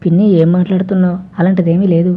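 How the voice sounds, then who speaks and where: A woman's voice: fairly low pitch, flat delivery, very fast, lightly acted. A woman voicing a bashful young man of twenty who pleads and coaxes, in a dull lo-fi recording. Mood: sheepish pleading. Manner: coaxing, sheepish.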